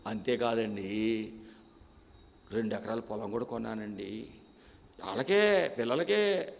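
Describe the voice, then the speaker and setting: A man's voice: lowish voice, takes it slowly, vocal fry, voice pushed down. A male preacher acting out a proud father who boasts, with polite endings on every phrase, of all he has provided for his children. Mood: boastful. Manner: deferential, adding polite endings to each phrase. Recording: long echo of a church hall.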